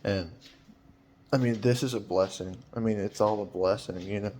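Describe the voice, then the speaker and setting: A man's voice: lowish voice, fairly even intonation, moderate pace, darkish tone, a little hiss or hum. A man in his twenties talking in a personal vlog, hesitant and rambling with many fillers, sounding weary and anxious. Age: 20s.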